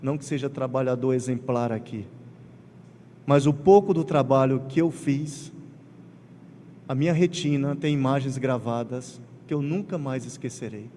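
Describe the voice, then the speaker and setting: Emotional spiritist lecturer in an echoing hall. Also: male voice, mid-range voice, normal speed. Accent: Pernambuco Portuguese. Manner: emotional, animated storytelling with acted quotes. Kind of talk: lecture to a congregation. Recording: hall reverb with faint ambient noise.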